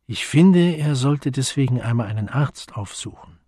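A man's voice: mid-range voice, animated, normal speed, warm tone, husky, no room sound, studio quality. A man voicing an earnest, solemn young man in a story.

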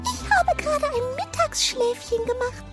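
A woman voicing a tiny, sleepy glowworm that squeaks in a very high voice. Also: lively intonation, a little slow, over music. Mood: sleepy polite.

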